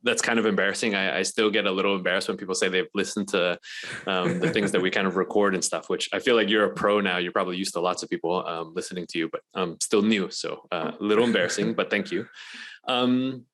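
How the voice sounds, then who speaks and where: Deep-voiced guy from malaysia chatting on a podcast, laid back, lots of fillers. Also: quick pace. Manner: relaxed, with many ums and restarts. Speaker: guest, venture investor. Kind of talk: casual interview chat.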